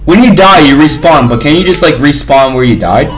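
A young man talks over his gameplay on a headset microphone, swearing freely and getting loud when the game frustrates him. Faint game music sits behind his voice. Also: on the high side, expressive, brisk, low-quality recording. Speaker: gaming YouTuber. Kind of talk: casual gameplay commentary.

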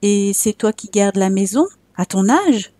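A woman's voice: mid-range voice, animated, a little slow, dark tone, dry recording. A woman voicing a cunning grown-man gendarme in a storybook tale who coaxes a child in a falsely friendly way. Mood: coaxing.

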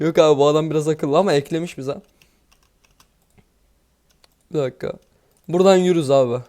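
A young man giving casual, excitable commentary over his gameplay, swearing often and laughing nervously. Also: fairly high pitch, fast talker. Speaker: gaming YouTuber.

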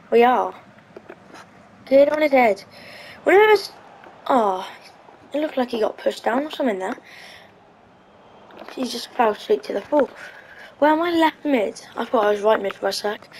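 A woman with a slightly raised pitch talks through her gameplay in a casual, meandering way. She hesitates often, filling gaps with ums. Her voice sits over a faint background hum. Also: darkish tone, poor audio. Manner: chatty, hesitant, thinking aloud with frequent ums. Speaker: gaming channel host.

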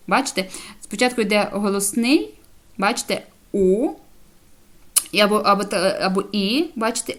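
A woman with a Ukrainian accent teaching a beginner language lesson, explaining pronunciation step by step and checking understanding with short questions. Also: mid-range voice.

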